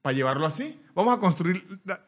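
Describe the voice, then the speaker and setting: A Venezuelan man hosts a casual podcast conversation, joking with his guests. His voice sits a bit high, and he restarts his words a lot as ideas tumble out. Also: quick pace. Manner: animated, joking, many restarts. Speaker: podcast host. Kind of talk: casual chat.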